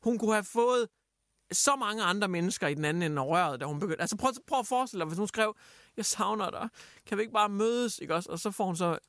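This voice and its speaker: Livlig mand med høj stemme. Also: male voice, high-pitched, no room sound. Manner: animated storyteller, acts out quotes, many fillers. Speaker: radio host. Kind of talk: casual chat, retelling news stories.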